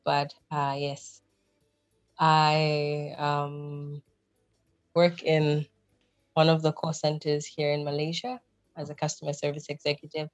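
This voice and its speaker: A Zambian woman in her thirties, guesting on a podcast, speaks in a low, completely flat voice, slowly and with frequent pauses. She thoughtfully explains her background and ideas, using many fillers, in a dry recording with soft music underneath.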